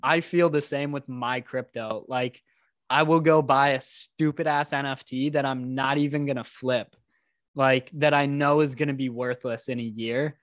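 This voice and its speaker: A man's voice: mid-range voice, steady tone, moderate pace, dry recording, clean studio sound. A young man guest on a podcast, talking easily and casually, hedging his points with lots of "like.". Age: young adult. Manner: easygoing, hedging, "like"-filled. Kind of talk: casual chat.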